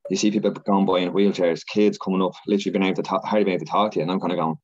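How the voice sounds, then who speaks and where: An Irish man, a podcast guest, talking fast and animated in a casual interview chat. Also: deep voice, dull audio, slight background noise. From Ireland.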